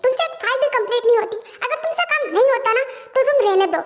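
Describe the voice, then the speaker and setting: A woman putting on a hot-headed young female boss from a fan-made audio story. The voice is very high, and she scolds and complains bluntly. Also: brisk. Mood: scolding. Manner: scolding, ranting.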